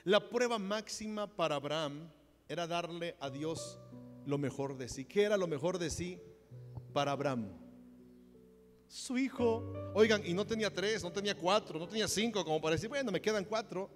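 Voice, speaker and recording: A man with a Mexican accent preaching a sermon, animated and acting out the voices he quotes. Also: high-pitched, normal speed. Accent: Mexican Spanish. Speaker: pastor. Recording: long hall reverb with faint music.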